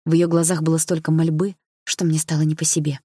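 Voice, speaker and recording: Low, husky woman narrating a novel. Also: fast talker, no echo, clean studio sound. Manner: calm, even storytelling with inner thoughts. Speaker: audiobook narrator. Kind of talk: first-person novel narration.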